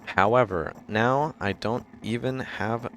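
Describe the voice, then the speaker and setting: A man streaming a game, reading its narration aloud in a halting way, stumbling and correcting himself, now and then breaking into loud dramatic shouts. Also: mid-range voice, a little hiss or hum. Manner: halting reading with frequent restarts and self-corrections.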